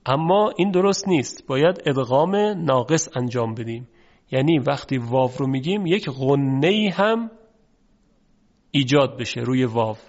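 A man teaching Quran recitation rules, explaining patiently and drawing out the example words slowly. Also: medium pitch, animated, a little mellow, dull audio. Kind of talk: recorded lesson explanation.

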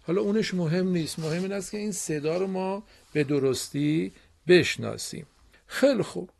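A man with a fairly high, gravelly voice teaches a broadcast reading lesson to young pupils. He explains step by step in a patient, drawn-out way and praises them often. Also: darkish tone.

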